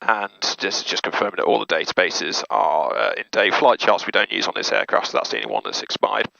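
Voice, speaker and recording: This man's voice is on the low side, a little fast, pushed and bright, with no room sound. He presents as a pilot, going methodically through hands-on cockpit checks item by item in a small turboprop aircraft, captured on muffled audio with clear aircraft noise.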